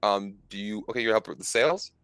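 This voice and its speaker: A man narrating as game master of a tabletop game, casual and halting, with many fillers. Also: on the low side, animated, a bit bright, clear, resonant tone, no room sound.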